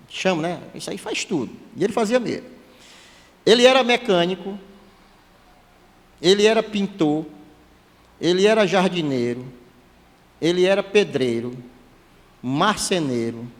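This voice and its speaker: A man, a church elder preaching a sermon in a lively, conversational way with joking asides. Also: high-pitched. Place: church hall. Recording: long hall reverb.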